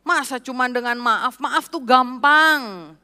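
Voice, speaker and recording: A woman's voice: high-pitched, takes it slowly, pushed and bright, smooth, long reverb tail, full character voice. A woman playing a scolding stingy boss. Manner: scolding, blustering. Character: angry stingy male employer.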